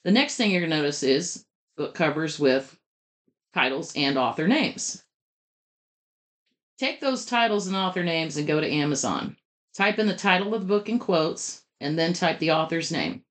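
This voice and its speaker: A woman giving step-by-step advice in a conversational interview, talking quickly and in detail. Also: low voice, expressive. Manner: brisk, explains step by step, talks fast. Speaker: guest expert on publishing scams.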